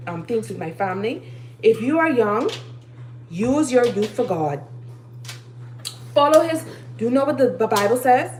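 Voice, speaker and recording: A woman's voice: medium pitch, darkish tone, a little hiss or hum, poor audio. A woman in her thirties giving life advice in a casual live-stream monologue from her kitchen, preachy and urging, repeating her key phrases. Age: 30s. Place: home kitchen while cooking.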